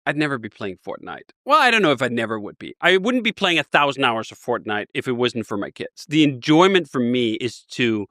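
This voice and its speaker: Man in his 40s from Denmark, bright tense voice, dry close sound; an eager storyteller rambling through an interview. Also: medium pitch, very animated, fairly quick, hardly any pauses, no room sound. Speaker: guest. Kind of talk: casual interview talk.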